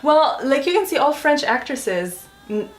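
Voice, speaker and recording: A woman's voice: sits high, very animated, measured pace, poor audio. Chatty young woman co-hosting a casual chat. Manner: chatty, laughs often, trails off mid-sentence. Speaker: co-host.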